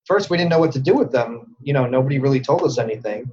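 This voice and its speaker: A man's voice: mid-range voice, expressive, fast talker, darkish tone, husky, muffled recording. A man who owns an independent movie theater, talking casually and chattily in an interview, with fillers. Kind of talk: interview recollection.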